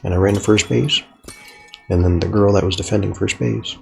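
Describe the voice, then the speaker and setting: A man's voice: lowish voice, steady tone, brisk, gravelly, faint music behind. A young man rambling reflectively through an unedited video journal while playing a game, swearing casually now and then.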